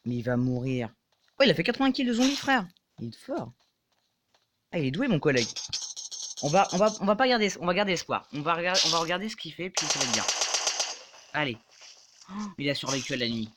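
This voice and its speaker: A man giving live gameplay commentary, excitable and swearing, yelping and shouting when in danger. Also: a little high, fast, long pauses, background noise. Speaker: gaming YouTuber.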